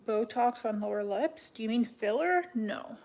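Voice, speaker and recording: A young woman with a fairly high voice chats on a live stream and answers her viewers as she goes. She talks offhand, with plenty of "like" fillers, and now and then drops to soft half-whispered asides. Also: lively intonation, moderate pace. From Canada. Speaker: livestreamer.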